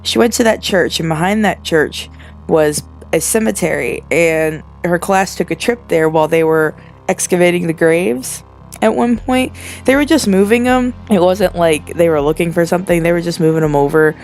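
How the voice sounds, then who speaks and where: A woman's voice: lowish voice, moderate pace, darkish tone. A young woman in her twenties telling casual storytime anecdotes in a rambling voiceover, full of fillers and restarts. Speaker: storytelling narrator. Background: faint background music.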